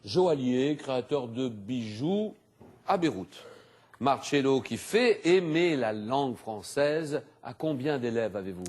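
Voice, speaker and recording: A man hosting a TV quiz show, animated and exclamatory, reading clues and teasing contestants in a studio. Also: mid-range voice, slow pace.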